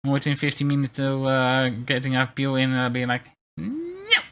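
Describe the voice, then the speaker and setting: A man livestreaming in a casual chat, talking in a halting, rambling way with wry, self-deprecating grumbles. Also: medium pitch, monotone, clear, resonant tone. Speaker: VTuber streamer.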